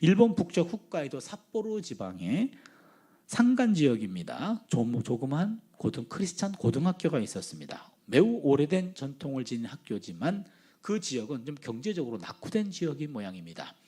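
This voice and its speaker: Husky-voiced man preaching with lively pitch. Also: normal speed. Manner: lively, acts out phone conversations in his stories. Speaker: guest preacher, professor. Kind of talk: sermon with storytelling.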